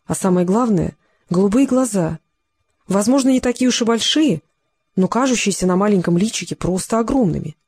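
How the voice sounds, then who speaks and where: Steady audiobook narrator. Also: mid-range voice, a little fast, husky. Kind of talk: scripted narration.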